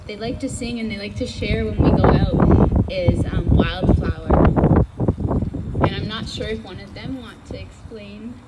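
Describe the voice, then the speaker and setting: A woman's voice: medium pitch, a little slow. A woman introducing her singing group's song at an outdoor event, friendly and hesitant with many fillers. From Canada. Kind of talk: introducing a performance. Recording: loud traffic noise outdoors.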